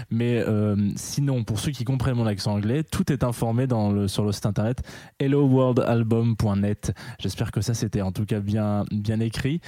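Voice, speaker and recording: A man's voice: lowish voice, warm tone, no room sound. A young man hosting a live radio show in a studio, chatting casually in a rambling way with many fillers and restarts, and laughing at himself. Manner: self-mocking, laughing at himself.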